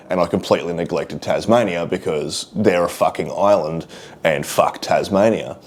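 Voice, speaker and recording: A man's voice: low-pitched, a little mellow, a little hiss or hum. An Australian man hosting a hunting channel, who reads out viewer comments and answers questions in a blunt, sardonic and heavily profane way. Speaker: host of a hunting and shooting channel. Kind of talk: casual vlog, reading comments and answering questions.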